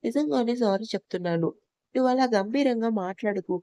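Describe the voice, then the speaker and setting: Lady doing scared teary young wife, pleading, mellow voice. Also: fairly high pitch, fairly quick, dry recording, close to an everyday voice. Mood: frightened. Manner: pleading, anxious. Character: frightened tearful young wife.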